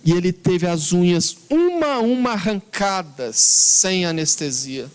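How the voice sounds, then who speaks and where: Man, Brazilian Portuguese accent, spiritist lecturer, fairly high voice, earnest storytelling. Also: animated, clear, resonant tone. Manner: earnest, emphatic, slowing down on key words.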